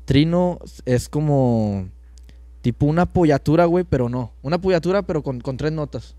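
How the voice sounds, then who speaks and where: A man with a Mexican accent, an accordion musician chatting casually on a podcast in relaxed slang. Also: on the high side, moderate pace, no room sound. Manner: slangy, relaxed, drops güey constantly.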